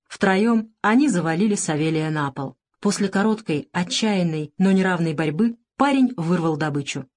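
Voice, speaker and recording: A woman reading a novel aloud as narrator, steady and expressive. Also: on the low side. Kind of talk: scripted audiobook narration.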